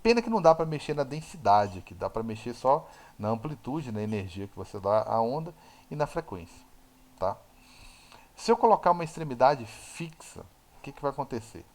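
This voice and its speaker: A man's voice: medium pitch, very animated, a little fast. A man with a Brazilian Portuguese accent teaching a recorded physics lab lesson in a chatty way, correcting himself and checking in with listeners as he explains. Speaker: physics lecturer.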